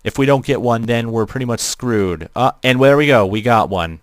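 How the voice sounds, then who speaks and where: A man with a robotic-sounding natural voice, giving casual live game commentary in a halting way, often rephrasing as he goes. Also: medium pitch, no room sound. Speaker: livestreamer playing an online role-playing game. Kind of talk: casual gameplay livestream commentary.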